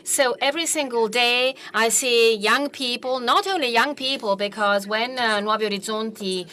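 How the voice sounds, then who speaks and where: A woman speaks at a faith talk as a charity representative. Her voice is slightly high and clearly bright. She is earnest, and her delivery halts often with hesitant pauses between phrases. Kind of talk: religious testimony talk.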